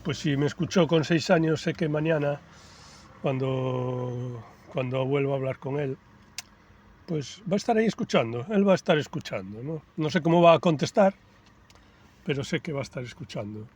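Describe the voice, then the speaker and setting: A man, giving a personal testimony in church in a conversational, storytelling way that turns soft and reflective. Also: mid-range voice, lively intonation, moderate pace, a little hiss or hum. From Galicia, Spain. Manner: conversational storytelling with frequent tag questions; grows softer and reflective.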